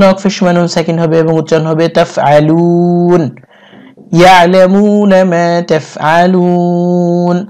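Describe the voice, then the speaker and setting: A man teaching Quran reading, spelling out letters and vowel marks in a steady, methodical way, then reciting each phrase slowly and melodically. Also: fairly high pitch.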